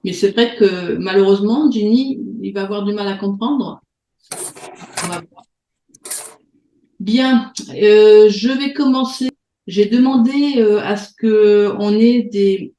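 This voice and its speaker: Une femme qui anime une réunion en ligne et présente sur un ton détendu, avec beaucoup d'hésitations et de reprises. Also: female voice, mid-range voice, dark tone, reverberant, slight background noise, rough recording. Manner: hesitant, many fillers and restarts. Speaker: host of an online meeting. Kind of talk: casual presentation on a video call. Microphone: video call.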